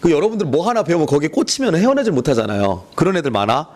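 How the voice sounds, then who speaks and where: Brisk, high-voiced male exam-prep teacher, playful and chatty. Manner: animated, teasing, acts out student back-and-forth, keeps checking with listeners. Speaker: fire law lecturer. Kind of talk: online exam-prep lecture.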